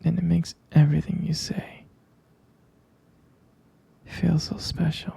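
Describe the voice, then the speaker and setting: In a breathy, husky whisper, a man performs intimate boyfriend roleplay ASMR, murmuring tenderly and adoringly with soft pauses. His voice is fairly high and level in tone.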